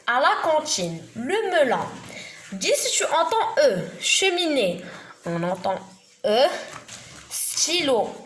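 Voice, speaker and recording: A woman giving a beginners' reading lesson, spelling out letters and syllables slowly and deliberately. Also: high-pitched, very animated, a bit bright. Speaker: teacher. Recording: echoey room with faint noise.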